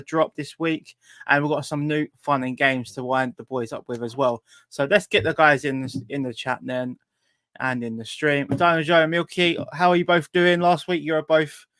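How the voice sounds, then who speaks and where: A man's voice: on the high side, fairly even intonation, normal speed, fairly bright tone, no echo. A man with a British accent casually hosting a livestreamed talk show.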